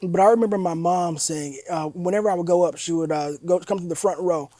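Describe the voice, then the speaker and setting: A man's voice: high voice, fairly quick, dark tone, no echo. A young man, a guest and university executive, speaking earnestly and reflectively in a casual interview, with frequent fillers and repeats.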